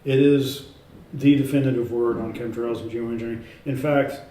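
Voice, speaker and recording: Rambling man, mellow voice, echoey room. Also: mid-range voice, steady tone, moderate pace. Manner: rambling, many fillers and restarts; emphatic, self-assured. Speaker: author and researcher, interview guest. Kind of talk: casual in-person interview. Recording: echoey room, speaker far from mic, faint ambience.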